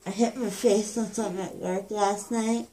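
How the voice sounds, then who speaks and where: A woman's voice: medium pitch, fairly even intonation, normal speed, mellow, rough recording. A young woman, dazed and groggy, rambling in casual chat as she comes out of anesthesia. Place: small indoor room, lying on a pillow. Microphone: phone held near, off the speaker.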